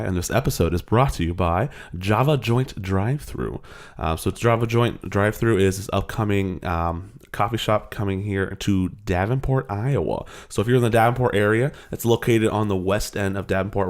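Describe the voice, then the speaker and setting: A tired, hungover American man hosting a podcast in a casual, rambling chat. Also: on the low side. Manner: informal, rambling. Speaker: podcast host.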